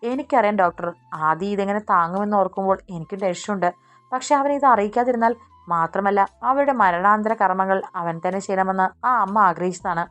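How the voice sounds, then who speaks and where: A woman's voice: mid-range voice, a little fast, a bit bright, soft background music, natural voice. Anxious, loyal young man voiced by a woman narrator; earnest and urgent, storybook reading.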